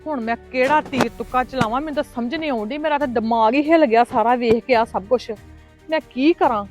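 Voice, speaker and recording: A melodramatic Punjabi mother who schemes and frets, her voice pitched high, as a woman plays her. She cries out in wailing exclamations. Faint music runs beneath her. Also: quick pace, darkish tone, close to an everyday voice. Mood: fretful. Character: scheming middle-aged mother, shrill and defensive. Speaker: mother of grown sons. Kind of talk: village family web drama.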